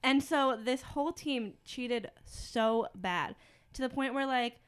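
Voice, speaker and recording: Smooth-voiced young woman telling a story. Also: high-pitched. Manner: quick, lively storytelling. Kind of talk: casual chat.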